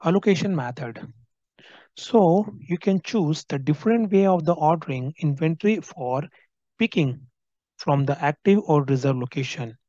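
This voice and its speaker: A man walking through a software screen recording as a trainer, explaining each field and often checking in with "right?". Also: fairly high pitch, lively intonation, moderate pace, dry recording, muffled recording. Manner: explanatory, frequent tag "right?".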